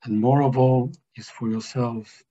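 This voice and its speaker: Slow-spoken man giving spiritual teaching. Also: medium pitch, fairly even intonation, warm tone, highs cut off. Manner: slow, measured, emphatic delivery.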